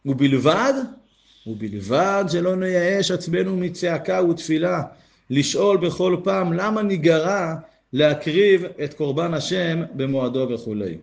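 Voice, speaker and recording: A man's voice: lively intonation, gravelly. Earnest man teaching a Torah lesson. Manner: earnest, rises in pitch to stress key points. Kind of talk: Torah lesson, reading and explaining texts.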